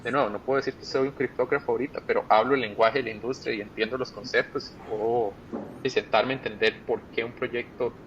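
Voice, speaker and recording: A man's voice: fairly even intonation, fast talker. A man with a Costa Rican accent, a project manager being interviewed, who explains ideas step by step with plain examples. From Costa Rica. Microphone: video call. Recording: muffled call audio with faint rumble.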